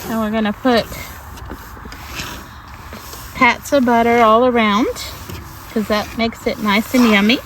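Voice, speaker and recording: A woman's voice: on the high side, fairly even intonation, normal speed. A middle-aged woman with an Arkansas Southern accent, chatting casually and folksily as she demonstrates outdoor cooking. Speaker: outdoor cooking vlog host. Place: outdoors in snowy cold. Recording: noisy outdoor camera audio.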